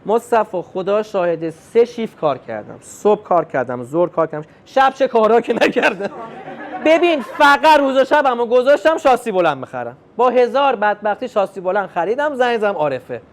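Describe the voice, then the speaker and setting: A young man performing a stand-up comedy routine, telling family stories and acting out the dialogue in an animated way. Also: sits high, some chatter behind. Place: comedy club stage with live audience.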